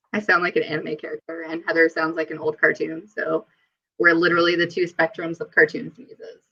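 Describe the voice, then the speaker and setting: Bright-voiced chatty woman hosting a stream. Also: deep voice, vocal fry, husky. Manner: chatty, giggly, reads chat comments aloud. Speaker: livestream host. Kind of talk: casual chat on a livestream. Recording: dull lo-fi stream audio.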